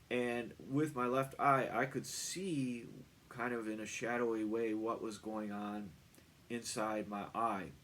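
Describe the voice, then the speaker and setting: Low-voiced man speaking in halting phrases. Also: a little hiss or hum. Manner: measured, halting delivery in short phrases with pauses; plain, matter-of-fact explaining. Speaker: patient recounting own eye surgery. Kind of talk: personal vlog monologue.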